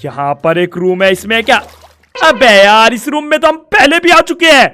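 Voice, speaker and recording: A young man giving excited gameplay commentary, exclaiming and sometimes shouting. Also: very high voice, moderate pace, faint music behind. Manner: animated, exclaiming, bursts of shouting. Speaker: gaming video host.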